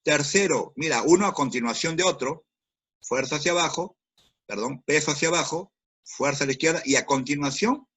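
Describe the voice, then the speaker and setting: A man's voice: a little high, a little fast, fairly bright tone. A man teaching a physics class online, explaining step by step, repeating key words and speaking directly to his students.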